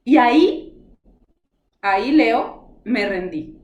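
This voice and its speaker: A woman's voice: fairly high pitch, big pitch swings, very slow, muffled recording. A woman giving an earnest, emotional personal testimony in conversation, acting out the dialogue as she tells it. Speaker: spiritual guide telling her story. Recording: roomy echoey sound.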